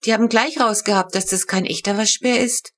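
A woman's voice: medium pitch, fairly even intonation, brisk, fairly bright tone, natural voice. A woman voicing a level-headed child in a storybook reading, explaining sensibly. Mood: sensible.

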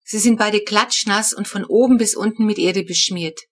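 A woman reading a children's storybook aloud, telling the story in a lively first-person voice. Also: mid-range voice, normal speed. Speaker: audiobook reader.

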